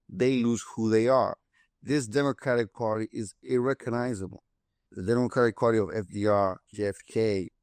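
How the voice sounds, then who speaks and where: Man with a gravelly voice. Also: fairly low pitch, a little mellow, dry recording, studio quality. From Honduras. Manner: impassioned, repetitive emphasis. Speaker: political guest. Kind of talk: political commentary.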